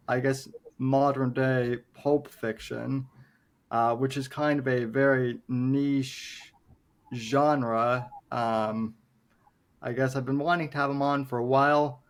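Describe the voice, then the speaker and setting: Man, late twenties, podcast host, slow, hesitant, casual interview. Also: medium pitch, steady tone. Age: 20s. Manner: hesitant, thoughtful phrasing.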